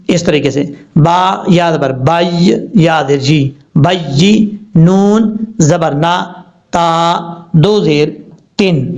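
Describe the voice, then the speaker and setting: A man teaching Quran recitation rules with a Pakistani Urdu accent, spelling out words slowly, letter by letter. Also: a little high, darkish tone. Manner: slow, deliberate letter-by-letter spelling. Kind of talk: spelling-out tajweed lesson. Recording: dull lo-fi recording.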